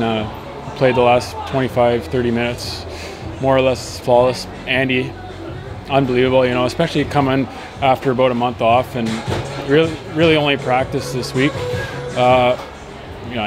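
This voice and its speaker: A man in his thirties, a hockey player, giving an earnest, upbeat post-match interview outdoors at night into a handheld mic, with frequent fillers. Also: mid-range voice. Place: outdoors at night beside an arena.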